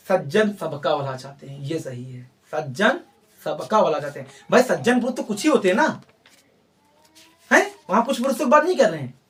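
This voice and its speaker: A man's voice: sits high, distant mic. A male teacher giving a grammar lesson, coaxing his students, repeating his points and quizzing them with questions.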